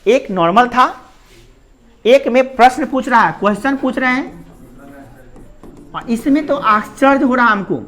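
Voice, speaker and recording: A man's voice: extremely high pitch, measured pace, pauses often, a bit bright. A man teaching a Hindi grammar lesson, repeating points and quizzing the listener with rhetorical questions.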